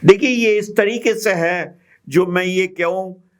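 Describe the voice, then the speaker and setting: Slow, patient male Bible teacher. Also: high voice, clear, resonant tone. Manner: slow, patient, with frequent pauses and fillers. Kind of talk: explaining scripture in a group Bible study.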